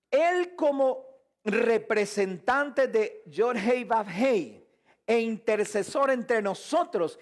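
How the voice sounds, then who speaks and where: A man teaching a live sermon, firing rhetorical questions at his listeners. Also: high voice. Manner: animated, asks the audience many rhetorical questions. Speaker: preacher.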